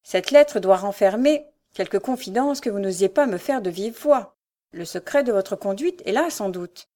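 A woman reader voicing a stern aristocratic nobleman who speaks roughly and commandingly, in a mellow tone. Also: medium pitch, sing-song, moderate pace. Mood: suspicious. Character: stern aristocratic older nobleman, harsh and suspicious.

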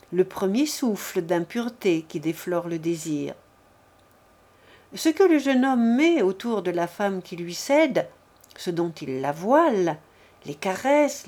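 A woman narrating a literary novel as an audiobook, reading in a measured, deliberate way. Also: mid-range voice, darkish tone.

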